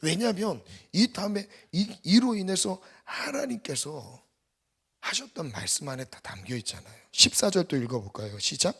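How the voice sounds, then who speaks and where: A man preaching a sermon as pastor, swinging from loud emphatic bursts to hushed near-whispers. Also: high voice, lively intonation, moderate pace, creaky, breathy edge. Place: church sanctuary.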